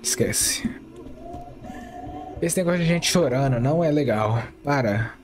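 A man's voice: mid-range voice, brisk, darkish tone. A man with a Brazilian Portuguese accent hosting a gaming channel, joking and talking to his viewers in casual gameplay commentary. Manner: joking, talks to the viewers as he plays.

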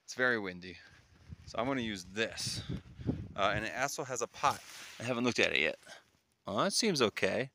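A man with a lowish voice and lively intonation talks at a normal speed, pausing often, as he vlogs a casual solo hike into a handheld phone or camera while walking. He's chatty and wonder-struck, exclaiming in amazement and chuckling a lot, out in windy, open mountain terrain. The outdoor recording is noisy, with clicks.

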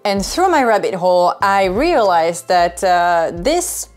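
With background music behind her, a sailing vlogger in her thirties chats candidly to camera, explaining things on a wireless lapel mic. Her pitch is fairly low and her pace slow, but her delivery is very animated.

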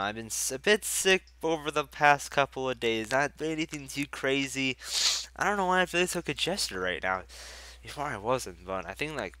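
This young gaming YouTuber talks casually over his gameplay, rambling and cursing in a chatty way, his voice stuffy from a cold. The pitch is medium, the tone bright and forceful. It's a dry recording.

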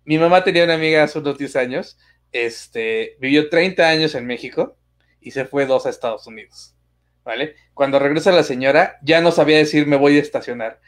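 A man's voice: fairly high pitch, brisk. A man co-hosting a casual podcast, telling stories in crude slangy banter with bursts of laughter. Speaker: podcast co-host. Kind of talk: casual chat, storytelling.

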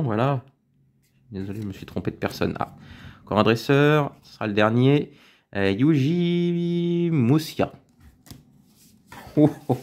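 Low-voiced man opening card packs. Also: a little mellow. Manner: chatty, reads card names slowly, mutters asides. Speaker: card-opening video host. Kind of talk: casual pack-opening commentary.

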